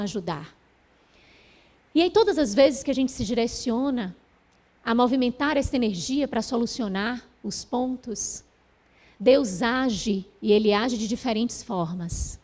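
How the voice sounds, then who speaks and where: A middle-aged woman gives a heartfelt spiritual talk in a gentle, fairly high voice. She tells her story unhurriedly, pausing between phrases. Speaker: spiritual speaker.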